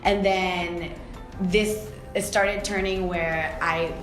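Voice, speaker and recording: A woman's voice: lowish voice, steady tone, slow. Candid woman in an echoey room. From Costa Rica. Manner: reflective, candid, many fillers. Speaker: swimwear founder. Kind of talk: documentary interview. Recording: echoey room with music behind.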